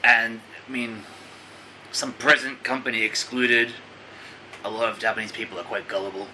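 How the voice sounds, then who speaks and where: A man's voice: mid-range voice, steady tone, normal speed, pushed and bright, slight background noise, rough recording. A man in his thirties from Australia, a podcast guest chatting casually in a laid-back, blunt way. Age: 30s. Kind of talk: casual chat.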